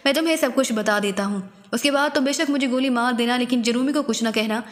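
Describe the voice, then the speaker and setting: A desperate middle-aged gangster father, frantic and begging, as a woman reads him in her own high voice. The voice rings with a long, reverberant echo. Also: fast talker, natural voice. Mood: pleading. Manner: frantic and pleading. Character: frightened middle-aged male crime boss, a doting father.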